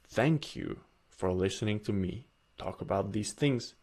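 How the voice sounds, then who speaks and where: A man's voice: lowish voice, unhurried, darkish tone. A man giving an earnest self-help presentation, often repeating and restarting his phrases.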